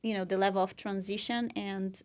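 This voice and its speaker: Clear and resonant, a young woman's medium-pitched voice runs a little fast with little pitch movement. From Brazil, with a Brazilian Portuguese accent, she co-hosts a podcast and recounts her own story in an earnest, casual style heavy on "you know" and "like."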